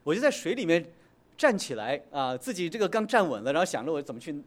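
A middle-aged male pastor telling a lively personal story in a sermon, dropping in English words and chuckling as he goes. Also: on the high side, fast.

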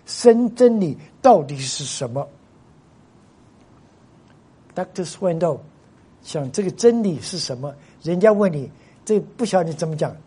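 A man's voice: on the high side, expressive, a little slow, pauses often, dark tone, slightly rough. A male pastor preaching a sermon to his congregation. He stresses points by repeating himself and often drops English phrases into his Chinese.

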